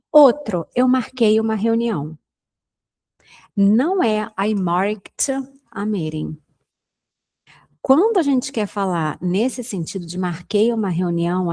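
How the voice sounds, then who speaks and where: Woman, Brazilian, Portuguese-speaking English teacher, slow, warm mellow tone, patient. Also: medium pitch. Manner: patient, explains slowly with repeated examples. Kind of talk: casual online English lesson.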